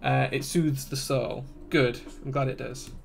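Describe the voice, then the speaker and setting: A man with a broad Yorkshire accent chatting casually as he hosts a livestream, relaxed and conversational. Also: medium pitch, unhurried, vocal fry, soft background music. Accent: broad Yorkshire English. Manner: relaxed, conversational, reading out chat comments. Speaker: livestream host and keyboard builder.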